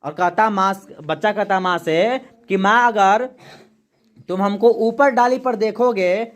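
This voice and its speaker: A woman teaching a class, reading a poem slowly line by line, then explaining each line and quizzing the students with quick questions she answers herself. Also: mid-range voice. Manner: slows down to recite verse lines.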